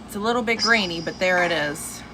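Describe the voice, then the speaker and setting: A woman's voice: on the low side, brisk. A woman hosting a casual livestream from home, chatting and addressing her listeners by name. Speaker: livestream host. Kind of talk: casual livestream chat with viewers. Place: at home indoors. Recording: noisy livestream with steady background hiss.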